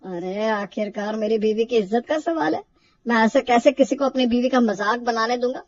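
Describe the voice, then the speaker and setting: A gentle young husband in a storybook cartoon, voiced by a woman, coaxing and soothing rather than commanding. The voice stays fairly high, and the recording is dry, dull and set back from the mic. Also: moderate pace, no echo, distant mic, lightly acted. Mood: placating. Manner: soft, coaxing and placating.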